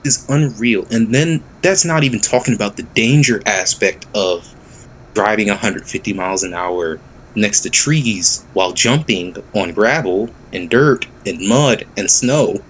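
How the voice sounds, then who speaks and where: A young man co-hosting a casual chat, excitable and quick to laugh, swearing freely and slipping into mock voices. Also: on the low side, slight background noise. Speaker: podcast co-host.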